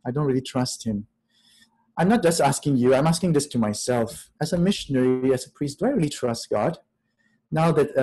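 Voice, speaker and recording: A man in his fifties, a priest giving a spiritual talk on a video call, reflective and questioning, with soft laughs. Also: mid-range voice, low-quality recording. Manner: reflective, asks many questions, laughs softly. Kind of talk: spiritual talk to an online audience. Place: small room, in front of a plain wall. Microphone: webcam on a video call.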